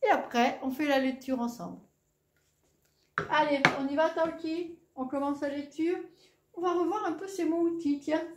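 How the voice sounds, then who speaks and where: A woman's voice: high-pitched, moderate pace, roomy sound, slight background noise. A woman teaching a reading lesson to young children, patient and encouraging.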